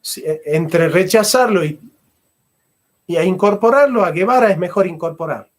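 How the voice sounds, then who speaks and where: With a high-pitched voice at an ordinary pace, this middle-aged history teacher and philosopher gives a passionate lecture, driving points home by repeating phrases.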